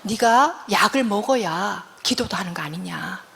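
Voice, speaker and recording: Stern older dad, put on by a woman preacher, low and quiet, hall echo. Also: animated, measured pace, gravelly, slight background noise, full character voice. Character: stern worried older father, firm and protective. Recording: church hall reverb.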